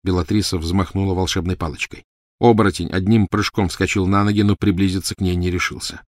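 A man narrating an audiobook in a measured, even manner. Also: deep voice, no echo, clean studio sound.

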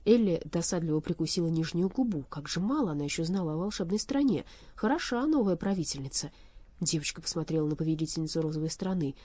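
A woman's voice: lowish voice, expressive, quick pace, dark tone, no room sound. A woman reading a fairy tale aloud as narrator, with a storyteller's rising and falling tone.

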